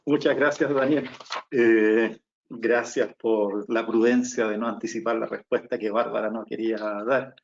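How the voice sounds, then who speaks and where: A man's voice: medium pitch, fairly even intonation, measured pace, creaky, dull audio. A man moderating a book presentation, courteous and introducing the author with some hesitant fillers. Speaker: event moderator. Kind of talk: formal moderation.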